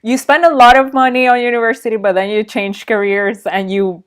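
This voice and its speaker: A woman's voice: on the high side, fairly even intonation, brisk. A woman hosting a casual group discussion, who thanks each speaker and then calls on the next one. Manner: affirming, picks the next speaker. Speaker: host.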